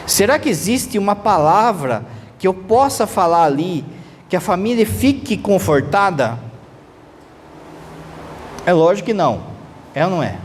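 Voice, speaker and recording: High-voiced priest preaching. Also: male voice, unhurried, pauses often. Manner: conversational, animated, uses rhetorical questions. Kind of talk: sermon. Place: church. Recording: reverberant church hall, faint noise.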